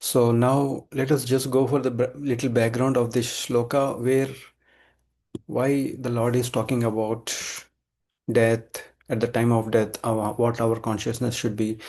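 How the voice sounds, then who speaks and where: A man with an Indian accent teaching a devotional scripture class in a halting, conversational way. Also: mid-range voice, little pitch movement, darkish tone. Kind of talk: devotional lesson with verse recitation.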